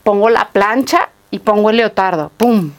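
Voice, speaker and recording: A woman's voice: mid-range voice, normal speed. A young woman, an actress guest chatting casually in an interview, telling stories with lots of laughter and acting out quoted lines. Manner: animated storytelling, acts out quoted lines, laughs often.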